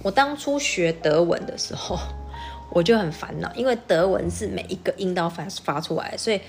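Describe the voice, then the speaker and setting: A woman with a lowish voice teaches phonics, spelling out letters and repeating each sound with patient care. Faint music plays under her voice. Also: expressive, normal speed. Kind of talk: explanatory lesson.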